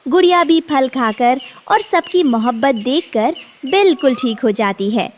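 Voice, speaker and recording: A woman narrating a scripted moral story for children in a gentle, instructive way. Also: high-pitched, lively intonation, a little slow, a little hiss or hum. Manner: gentle, didactic.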